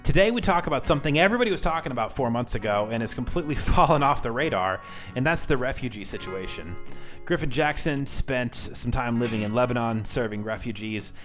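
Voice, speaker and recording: A man's voice: medium pitch, lively intonation, brisk, a bit bright, faint music behind. A man hosting a podcast in a casual, chatty way, informal and wry, often poking fun at himself, on a homemade recording. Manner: informal, self-deprecating, wry. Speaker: podcast host. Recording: amateur home podcast audio.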